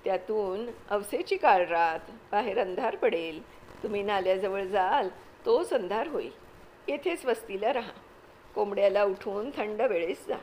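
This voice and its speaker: A woman's voice: medium pitch, lively intonation, a little slow, darkish tone, a little hiss or hum, close to an everyday voice, low-quality recording. A woman reading aloud, voicing an elderly village woman who earnestly warns against leaving. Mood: warning. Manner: earnest warning.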